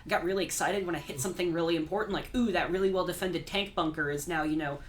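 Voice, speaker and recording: A woman game developer explains features at a rapid clip. Her voice sits a little low for a woman, and she talks with eager enthusiasm. A faint room ambience hangs behind her in the studio. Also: a little hiss or hum. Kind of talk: casual stream discussion.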